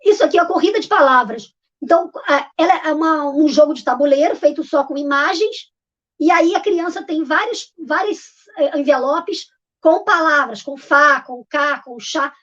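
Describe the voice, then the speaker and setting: Brazilian woman teacher walking thru slides, informal, lots of fillers, highish voice, muffled audio. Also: normal speed, fairly bright tone. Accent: Brazilian Portuguese. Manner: explanatory, informal, many fillers and restarts. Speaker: literacy teacher presenter. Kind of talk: live online talk presenting slides. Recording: dull lo-fi audio.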